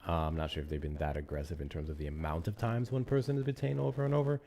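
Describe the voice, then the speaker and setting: Racing along in a rumbling low, dark voice with fairly even intonation, a male livestream host chats casually with his viewers. He keeps thanking them for gifts and often says the same things again.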